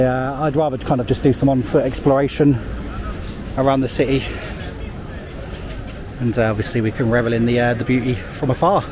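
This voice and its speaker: Holding his camera at arm's length, a man from England rambles through a casual walking vlog on crowded city streets, using lots of filler words. He has a medium-pitched voice, and traffic and street ambience make the outdoor recording noisy.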